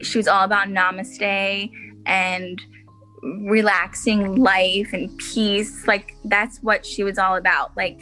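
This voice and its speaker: A woman's voice: mid-range voice, pushed and bright, poor audio. A woman interviewee recalling her sister in a chatty, casual way. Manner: chatty, with frequent "like" fillers.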